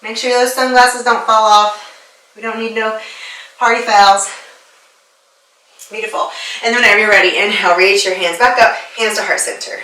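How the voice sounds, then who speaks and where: Bright, bubbly woman teaching yoga. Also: on the high side, fairly even intonation, normal speed, pauses often. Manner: upbeat and playful, laughs often, counts breaths. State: slightly out of breath from exercising. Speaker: yoga instructor and personal trainer. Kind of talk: guided yoga class instruction. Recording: echoey room, voice a bit far from the mic.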